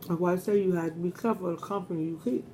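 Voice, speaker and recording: Low-voiced woman chatting through crunchy fried chicken. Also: steady tone, very fast, noisy background. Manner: eating crunchy fried chicken while talking; earnest, advice-giving, repeats points. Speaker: mukbang host. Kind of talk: casual mukbang chat, talking while eating.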